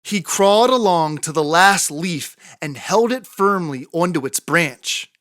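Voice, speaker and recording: A woman narrating a children's picture book in an expressive read-aloud style with dramatic emphasis. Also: lowish voice, unhurried, dry recording, studio quality. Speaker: children's story reader.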